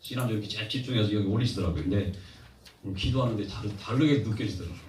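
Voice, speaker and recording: A man's voice: on the low side, very fast, slight background noise. A male pastor delivering a sermon with a humorous streak, teasing regional dialects and calling for amens from the congregation. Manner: exhorting, draws amens from the congregation. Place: church sanctuary. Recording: echoey church from a distance.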